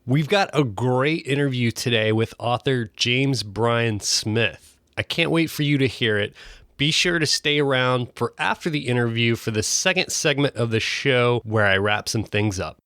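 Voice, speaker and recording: A man's voice: mid-range voice, moderate pace, fairly bright tone, dry recording, clean studio sound. A man hosting a podcast, reading an upbeat scripted intro, then interviewing a guest. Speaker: podcast host.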